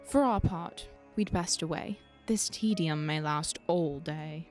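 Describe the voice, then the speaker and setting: A woman's voice: deep voice, slow, a little mellow. A woman playing a teasing, worldly fairy storyteller, narrating an audio drama in an arch, theatrical way. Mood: arch, knowing. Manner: arch, conversational. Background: music.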